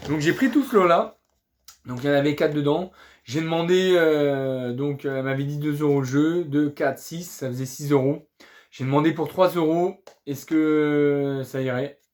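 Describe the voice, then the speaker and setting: A man's voice: mid-range voice, a little mellow. A man talking casually in a vlog about things he found, chatty and upbeat, often restarting words and padding with fillers. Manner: chatty, hesitant, keeps restarting words and saying voilà; upbeat and pleased. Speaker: video game collector showing flea market finds.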